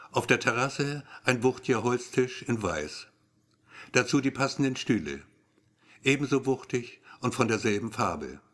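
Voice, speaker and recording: A man's voice: mid-range voice, a bit bright. A man reading a story aloud as scripted first-person narration, with a wry, brooding inner-monologue manner. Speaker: audiobook narrator.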